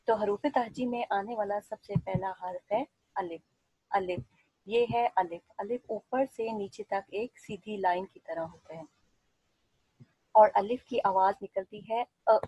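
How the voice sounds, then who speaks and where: A woman teacher giving an Urdu alphabet lesson to young children, slowly repeating each letter sound and example word. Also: medium pitch, warm tone, no room sound, low-quality recording. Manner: slow, clear, repetitive drilling of sounds.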